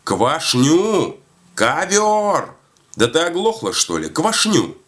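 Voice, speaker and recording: A man voicing a patient, worn-out old peasant man in a folk tale, shouting and exasperated. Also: medium pitch, animated, moderate pace, voice pushed up, close to an everyday voice. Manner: shouting across the yard, exasperated.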